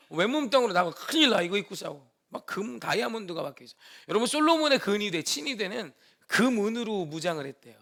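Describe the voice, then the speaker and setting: A man's voice: high voice, vocal fry, fairly bright tone. A male pastor preaching a Sunday sermon with dramatic emphasis, sometimes acting out the people in the story. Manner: preaching with dramatic emphasis, acts out quoted speech.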